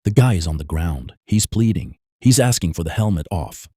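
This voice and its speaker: Recorded close with no echo, a man narrates police procedure in a scripted, analytical voice-over, his very deep, dark voice slightly rough with lively intonation. He stays measured and emphatic, stressing key points plainly and firmly.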